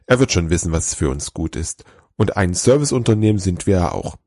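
A man voicing an old, calm and tired Father Christmas who talks in a slow, patient way. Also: deep voice, no room sound, clean studio sound.

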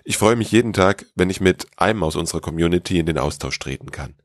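A man hosting a podcast who talks calmly and personally to the listener, then narrates a story. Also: deep voice, quick pace, no room sound, studio quality. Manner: calm, personal, addresses the listener directly.

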